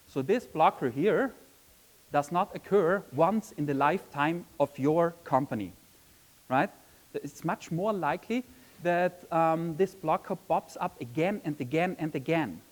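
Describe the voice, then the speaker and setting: A man's voice: on the high side, animated, a little slow, low-quality recording. A man from Austria, giving a conference presentation in a chatty way, often saying "um" and asking "right?". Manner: chatty, frequent "um" and tag question "right?". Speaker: conference speaker. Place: conference session room.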